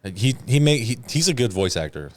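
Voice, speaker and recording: A man co-hosting a podcast in casual chat, animated and swearing casually. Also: medium pitch, fairly quick. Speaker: podcast co-host.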